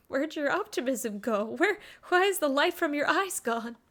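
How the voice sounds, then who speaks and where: Streaming a game, a woman gives casual live commentary in a high, unhurried voice that's playful and animated. Faint game music plays behind her.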